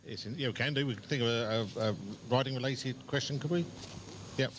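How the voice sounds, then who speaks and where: A man hosting a live local radio show, chatty and brisk as he runs through plans. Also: medium pitch, a little hiss or hum.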